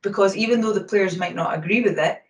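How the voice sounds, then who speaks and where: A woman with a Scottish accent, a hockey umpire, answering interview questions quickly and casually with lots of fillers. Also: mid-range voice. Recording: roomy sound from a distance from the mic.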